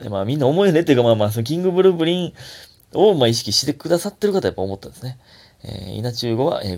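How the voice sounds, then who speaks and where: A young man with a Kansai accent, a comedian chatting solo on his own show, his throat a little hoarse and his voice jumping up high when he gets excited. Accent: Kansai Japanese. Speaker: comedian podcast host. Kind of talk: casual solo talk.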